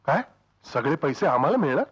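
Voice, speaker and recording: Whiny simple village guy, high, husky, bright. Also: sing-song, a little fast, highs cut off. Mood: eager. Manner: whiny, complaining. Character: greedy, simple-minded village man, food-loving.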